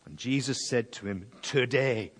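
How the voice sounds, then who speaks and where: A man preaching a sermon in a church, telling the story in a lively way and acting out the crowd. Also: medium pitch, normal speed, breathy edge. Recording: long hall reverb.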